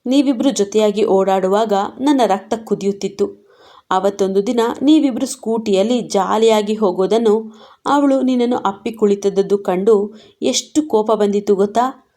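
A woman voicing a jealous, scheming young man who bitterly confesses his obsession, in a mellow tone. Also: medium pitch, close to an everyday voice.

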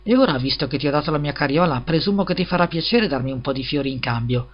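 A man's voice: fairly high pitch, quick pace, lightly acted. A man reading a storybook and voicing a greedy, self-serving miller who wheedles and preaches about friendship. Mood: predicatorio. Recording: slightly dull lo-fi recording.

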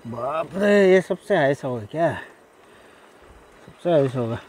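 Poor audio captures a man with a voice on the high side, lively intonation and a slightly mellow, unhurried delivery. Vlogging by a jungle river in the rain, he chats casually to camera, repeats himself and exclaims often.

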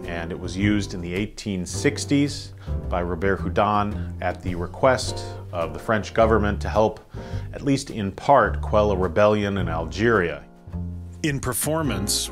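A man with a fairly low voice leads a guided tour through indoor rooms of a collection. He speaks in a measured, descriptive way, pausing now and then to find his words, while soft guitar music plays faintly underneath. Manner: measured, descriptive, occasional hesitations. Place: indoor private museum rooms.

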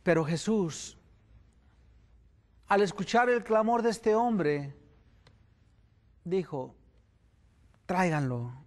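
A male evangelist with a high voice delivers a sermon at an unhurried pace, leaning on each phrase. He moves between prayer, scripture reading and pointed, emphatic questions. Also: expressive. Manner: slow, deliberate phrasing that climbs into emphatic questions. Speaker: evangelist preacher.

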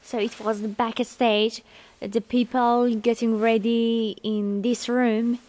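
This walking travel vlog follows a woman in her thirties from Iran as she tours ancient ruins outdoors, talking into a handheld camera at arm's length. Her slightly high, darkish voice moves slowly with little change in pitch, while her manner stays chatty and curious, with the nonnative phrasing of someone who doesn't speak English.

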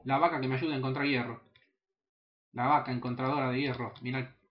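A young man with a Rioplatense Spanish accent giving casual, excitable, profanity-laden commentary while playing a video game, sometimes breaking into high yelps. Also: fairly quick, dull audio. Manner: excitable, swears often, jumps into high yelps. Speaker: gaming channel host. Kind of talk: casual let's play commentary.

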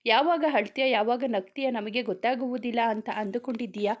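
Outspoken storybook younger sister, brisk and teasing, played by the woman reader, slightly high. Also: close to an everyday voice.

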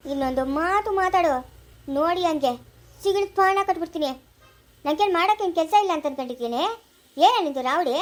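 A woman with a rural Chikkaballapura Kannada accent playing a bitter village woman who shouts and scolds in a family feud. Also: extremely high pitch. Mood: angry scolding.

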